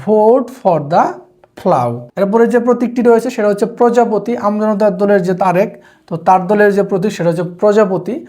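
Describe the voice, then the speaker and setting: A woman from Bangladesh teaching English pronunciation, slowly repeating each word as a drill. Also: medium pitch, fairly even intonation, warm tone. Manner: slow drilled repetition of English words. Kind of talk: spoken English lesson.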